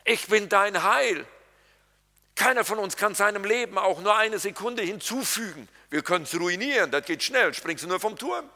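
A man's voice: high-pitched, lively intonation, fairly quick, few pauses, pushed and bright. A man preaching a sermon as pastor, colloquial and jokey, talking straight to his congregation. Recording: reverberant hall.

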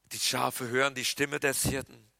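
A man preaching a sermon as pastor, animated, with loud emphatic lines that drop to hushed quiet passages. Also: medium pitch, moderate pace, gravelly, no room sound.

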